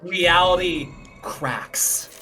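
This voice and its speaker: A game master narrating a tabletop game, describing scenes in an unhurried way over faint music. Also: medium pitch, pushed and bright.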